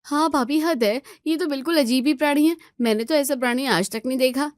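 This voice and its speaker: A woman voicing a polite, gentle young new daughter-in-law. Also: sits high, fairly quick, no echo, studio quality, voice pushed up, close to an everyday voice. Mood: agreeing.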